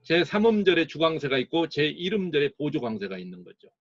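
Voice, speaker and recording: A man giving a recorded lecture as an English teacher, explaining slowly and sounding out words to model their stress. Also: a little high, big pitch swings, no room sound, highs cut off.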